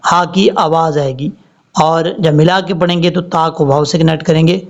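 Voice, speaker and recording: High-voiced man teaching Quran recitation. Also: steady tone. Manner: explains pronunciation rules, then recites words slowly and drawn out. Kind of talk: tajweed lesson with slow recitation. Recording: slightly dull lo-fi audio.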